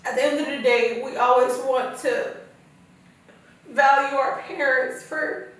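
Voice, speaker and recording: Young female podcast host from Kenya, high voice, unhurried, emotional; recorded far from the mic in a very echoey room. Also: fairly even intonation, a bit bright. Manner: emotional, tearful and laughing. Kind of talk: casual chat.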